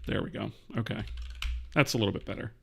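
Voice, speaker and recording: A man's voice: fairly low pitch, quick pace, creaky, slight background noise. A man hosting a live coding stream, thinking aloud as he types and answering questions from chat.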